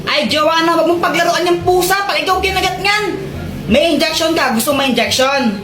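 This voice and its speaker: A woman's voice: very high-pitched, normal speed, a bit bright, echoey room, a little hiss or hum. A woman voicing a fussy mother in a comedy skit, scolding her child. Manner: scolding, nagging.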